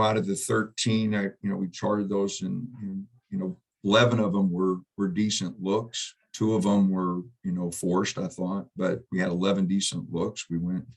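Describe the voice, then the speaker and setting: Middle-aged male coach, deep husky voice, halting postgame answers. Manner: halting, subdued, many fillers and restarts. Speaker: basketball head coach. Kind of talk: postgame press conference.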